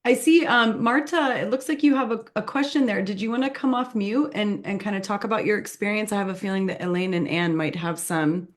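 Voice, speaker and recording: A woman's voice: medium pitch, a little fast, hardly any pauses. A woman moderating an online roundtable, friendly and inviting others to speak. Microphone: video call.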